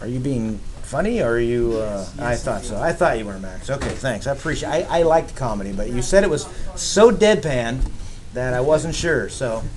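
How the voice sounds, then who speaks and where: A man's voice: medium pitch, animated, normal speed, crowd noise. A man teaching geometry to a class, upbeat and teasing with his students, in a classroom. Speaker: math teacher. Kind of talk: classroom lecture.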